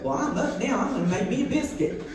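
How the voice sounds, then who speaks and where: A woman's voice: on the high side, expressive, fast, a little mellow, a little hiss or hum, voice pushed up, natural voice. A woman voicing a stubborn old man in a hospital, talking with a drawl, heard from far off in an echoey room. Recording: echoey room from distant mic.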